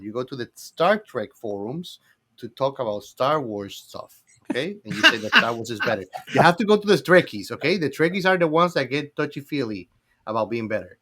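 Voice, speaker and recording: With a mid-range voice that sounds pushed and bright, a man co-hosts a fan-chat podcast. He's casual, emphatic, enthusiastic, and likes to argue playfully.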